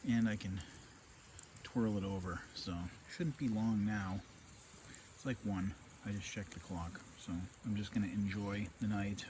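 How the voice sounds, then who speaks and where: A man talking casually to himself in an unhurried, musing way, like a solo camper narrating his outdoor vlog. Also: fairly low pitch. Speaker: solo camping vlogger. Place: outdoors at a woodland campsite and in a tent. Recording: outdoor recording with steady background noise.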